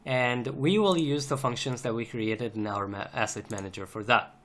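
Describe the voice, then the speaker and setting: Over noisy audio full of keyboard clicks and typing, a man with a mid-range, fairly bright voice records an unscripted programming screencast. Speaking at normal speed, he explains each step methodically while he types.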